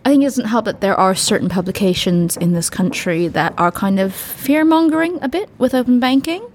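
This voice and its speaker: A woman's voice: mid-range voice, animated, brisk, darkish tone, a little hiss or hum. An American woman panelist with a playful, jokey manner in a casual discussion. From United States.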